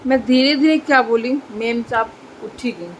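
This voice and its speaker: A young woman vlogger talks straight to her viewers in a casual home vlog filmed on a phone, moving between indoors and a rooftop. Her voice is on the high side at normal speed; the recording is low quality with slight background noise.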